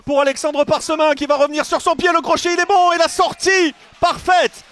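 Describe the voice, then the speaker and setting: A man delivers excited sports commentary on a football match. His voice sits extremely high for a male speaker, and he shouts on chances and stretches key words for emphasis. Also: fairly quick, dry recording.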